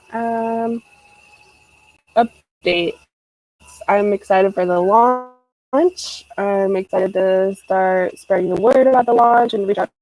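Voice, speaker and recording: A woman's voice: medium pitch, dark tone, poor audio. A woman giving a casual update on a video call, her audio choppy and breaking up over a bad connection. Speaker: team member on a community call.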